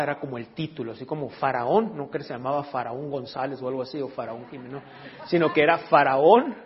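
A man preaching a sermon in a church, reading scripture aloud and breaking off for joking asides to the congregation. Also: a little high. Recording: dull lo-fi recording.

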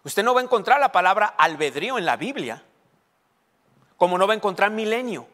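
Man, pastor, sermon teaching, higher voice, halting repeats, long hall reverb. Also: very animated, fairly bright tone. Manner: halting, repeats words, asks the congregation questions.

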